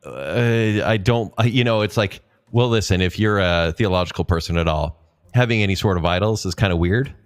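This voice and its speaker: A man's voice: low voice, a little fast, smooth. A man hosting a podcast in casual chat, teasing his co-host and laughing often.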